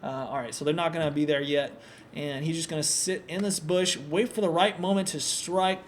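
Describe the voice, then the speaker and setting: A man giving solo play-by-play commentary on a video game, relaxed and analytical with frequent fillers. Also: fairly high pitch, moderate pace, slight background noise. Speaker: esports commentator.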